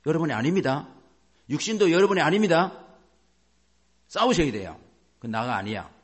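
A man's voice: fairly high pitch, big pitch swings, brisk, breathy edge. A male pastor preaching a sermon, acting out inner self-talk as he goes.

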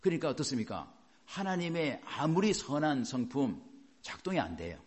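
A man preaching a sermon in an animated way, asking rhetorical questions and chuckling as he goes. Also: medium pitch, normal speed. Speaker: pastor.

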